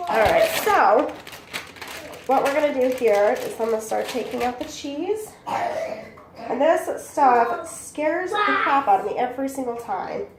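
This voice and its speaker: High-pitched and congested from bronchitis, a young woman demonstrates a recipe for her cooking channel, chatting and rambling as she works in a small home kitchen. A camera mic a few feet away captures her in the echoey, noisy room.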